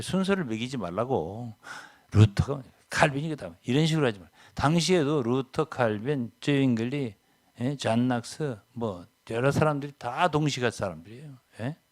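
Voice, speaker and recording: An older man preaching a sermon as a pastor, emphatic, often checking in with the congregation with a quick question. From South Korea. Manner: emphatic, keeps asking "예?" to the congregation; swings between loud stresses and low asides.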